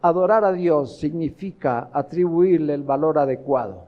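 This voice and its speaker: A man's voice: a little high, lively intonation, moderate pace, muffled recording. A man preaching a sermon as pastor, earnest, asking rhetorical questions of the congregation.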